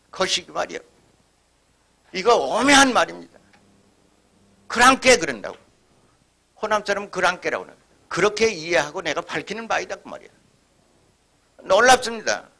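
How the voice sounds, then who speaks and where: High, bright-voiced man lecturing. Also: vocal fry. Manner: emphatic, imitates regional dialect phrases. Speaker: forum lecturer. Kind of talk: history lecture.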